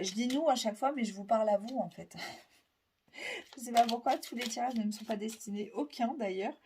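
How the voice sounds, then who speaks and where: A woman's voice: medium pitch, noisy background. A French-accented woman giving a casual weekly tarot reading, rambling and hesitant with many fillers. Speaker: tarot reader.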